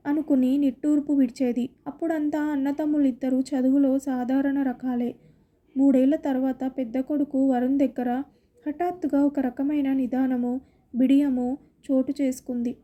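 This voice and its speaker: A woman narrating a scripted family story in a steady, plain reading voice. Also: sits high.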